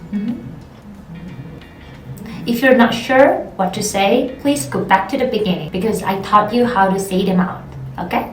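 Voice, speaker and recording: A young woman with a Korean accent teaching an online language lesson, encouraging and repeating phrases slowly for practice. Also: medium pitch. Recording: roomy, distant mic, faint music.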